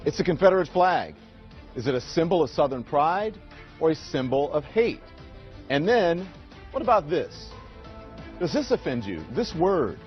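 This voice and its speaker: A male reporter throws out dramatic, provocative questions in a high-ish, swooping voice. The sound is dull, with music behind. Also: big pitch swings, moderate pace, long pauses.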